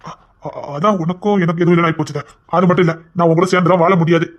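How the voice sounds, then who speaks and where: Woman doing a gruff brusque husband. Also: fairly low pitch, steady tone, racing, close to an everyday voice. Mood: gruff, dismissive. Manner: dismissive, grumbling. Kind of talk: Tamil audio drama. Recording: dull lo-fi recording.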